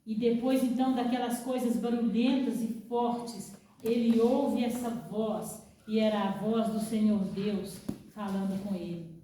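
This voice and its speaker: A woman teaching a Bible lesson at a camp, telling the story dramatically and dropping to a hush for effect. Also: on the high side, steady tone, unhurried, hardly any pauses, slight background noise. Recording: echoey room, voice from far off.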